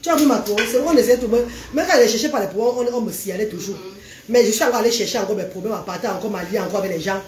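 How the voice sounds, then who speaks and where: A woman chatting on a casual live stream, animated, calling her viewers "maman". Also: mid-range voice, racing, crowd noise. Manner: animated, calls viewers "maman", sings out names. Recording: echoey room with faint background noise.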